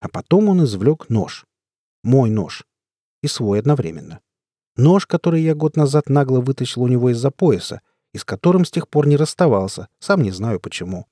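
A man narrating an audiobook in the first person, telling the story in a steady way. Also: medium pitch, normal speed, no room sound, clean studio sound. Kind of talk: scripted narration.

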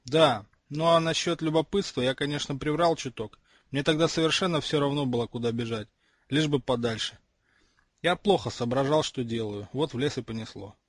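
A man reading the lines of a brisk, confident schoolboy wizard in an audiobook, in a slightly husky voice with an offhand manner. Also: medium pitch, dry recording, lightly acted. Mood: explaining.

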